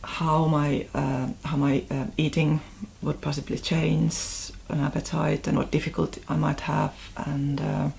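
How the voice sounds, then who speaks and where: A woman's voice: sits low, little pitch movement, a little slow, creaky, hardly any pauses, a little mellow, slight background noise. A woman from Finland, with a Finnish accent, speaks hesitantly about her own experience as a patient, using many fillers and short, broken phrases. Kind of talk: interview testimony.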